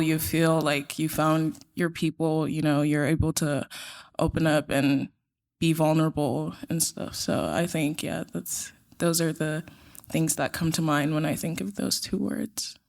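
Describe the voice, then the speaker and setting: A woman's voice: deep voice, steady tone, unhurried, creaky. A young woman from Ghana, a first-year student on a panel, answering thoughtfully with many fillers. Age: young adult.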